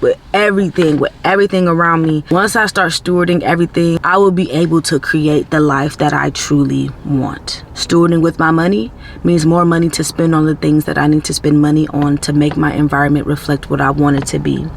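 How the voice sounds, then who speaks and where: Addressing his viewers, a man delivers a casual, sermon-flavored vlog on bettering oneself, earnest and faith-driven with a preachy streak. His voice is gravelly, level in tone, fairly quick, and a little high for a man, peppered with "like" and "you know," over a faint hiss.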